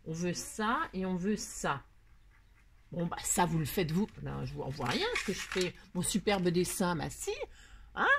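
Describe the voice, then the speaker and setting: A woman hosts a card-making tutorial, talking straight to viewers in a casual, rambling way with lots of self-mocking asides. Her voice is fairly low and her pace measured. It's a noisy home recording.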